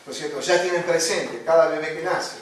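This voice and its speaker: A pastor with a Rioplatense Spanish accent and a fairly high voice speaks a little fast, teaching a chaplaincy course in a conversational, sermon-like way. He leans on fillers and often ends sentences with "¿no?". The recording is echoey and distant, with faint noise.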